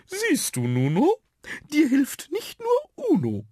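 A man voicing a cheerful chorus of friendly colourful dots that speak in very high, gleeful rhymes in a children's radio story. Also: huge pitch swings, takes it slowly, dark tone, no echo, studio quality, exaggerated voice.

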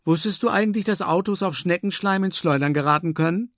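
A man reading an audiobook voices a warm-hearted, chatty woman who dotes on her dog, in a raised, sing-song tone. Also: normal speed, dry recording, studio quality, lightly acted. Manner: high, louder, sing-song exclamations. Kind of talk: audiobook character voice.

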